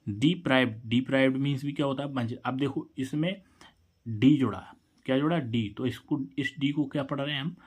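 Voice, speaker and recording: A man's voice: mid-range voice, brisk, slightly rough. A man teaching an English spelling lesson, asking a question and then answering it himself, and spelling words out letter by letter. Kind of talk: classroom-style spelling lesson.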